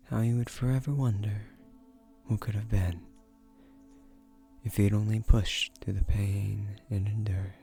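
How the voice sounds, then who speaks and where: A man voices an ancient, gentle guardian of a magic tree in a romantic fantasy roleplay. He speaks softly and breathily in a lowish, creaky, husky voice, heavily acted, using formal, earnest, persuasive words with soft hesitations.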